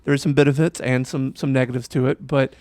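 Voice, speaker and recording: A man's voice: medium pitch, fairly even intonation, fast talker, a little mellow, no room sound. A middle-aged man with a Kentucky accent hosting a casual podcast, eager and tripping over restarts. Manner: enthusiastic, stumbling restarts. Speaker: podcast host. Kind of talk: casual chat.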